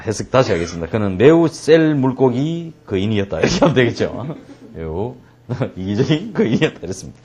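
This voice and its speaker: A man's voice: mid-range voice, warm tone, slightly rough. A man teaching an English reading lesson, translating line by line and joking as he tells the story.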